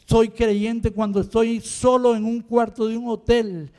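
Older pastor preaching, high voice, goes from soft to shouting. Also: male voice, little pitch movement, unhurried. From Costa Rica. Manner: impassioned, swings from quiet to shouting. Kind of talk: sermon.

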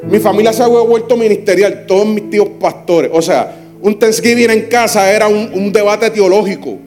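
A preacher in his forties tells his story from the pulpit, with humor and a habit of repeating phrases. His voice sits high but sounds mellow and warm, with a faint guitar playing underneath. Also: moderate pace. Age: 40s. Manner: lively storytelling with repetition and humor. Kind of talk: testimony sermon.

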